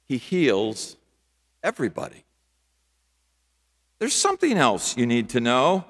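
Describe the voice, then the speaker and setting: An older man preaching a sermon from a church pulpit, with rhythmic, repetitive phrasing and emphatic pauses. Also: mid-range voice, huge pitch swings. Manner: gestures broadly with both hands while preaching. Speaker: pastor. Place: large church sanctuary, at a wooden pulpit. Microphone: pulpit microphone. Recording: long church hall reverb.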